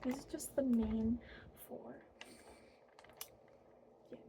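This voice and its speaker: A woman doing an ASMR role-play as a friendly young fairy, speaking softly and breathily with hesitant, informal phrasing. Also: a little high, steady tone. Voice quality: soft breathy soft voice. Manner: hesitant, informal, many trailing pauses. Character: friendly, apologetic young fairy guiding a newly hatched fairy. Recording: clearly audible background noise.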